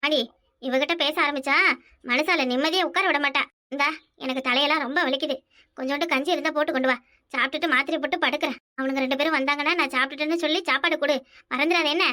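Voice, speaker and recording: A woman with a Kanyakumari Tamil accent voices village women in a family cartoon. Her voice is very high and bright, and she talks quickly in bickering village chatter. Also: fairly even intonation. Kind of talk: animated village cartoon dialogue.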